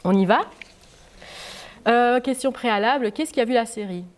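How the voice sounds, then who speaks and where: A woman author with a slightly high voice speaks at normal speed in an informal public talk at a library. She's chatty and hesitates often with "euh."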